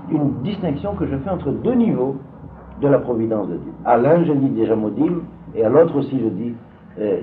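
A man teaching a Talmud seminar to a class, hesitant, with many fillers and repeated words. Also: mid-range voice. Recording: phone-like lo-fi recording with faint noise.

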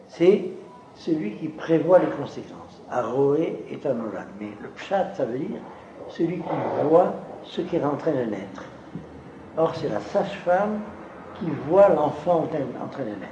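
A joking Torah teacher in an echoey room. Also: male voice, medium pitch, lo-fi sound. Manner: reads Hebrew verses aloud, then translates and explains them; teasing, conversational, jokes with listeners. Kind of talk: lecture to a live class. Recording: echoey room with background noise.

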